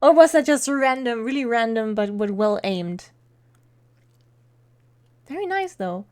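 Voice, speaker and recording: A woman's voice: on the high side, animated, measured pace, a little mellow. A woman streaming a video game, chatting casually with viewers, giggling often and talking to her cat. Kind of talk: casual live-stream chat while gaming.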